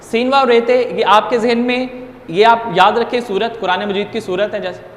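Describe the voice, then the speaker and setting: A man teaches an online grammar lesson in a high voice, taking his time and speaking directly to his students. He sounds like he is in a bare, echoey room with a long reverb tail. A faint hum of ambience sits under his voice. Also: steady tone. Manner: deliberate, explanatory, addresses students directly. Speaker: Urdu teacher.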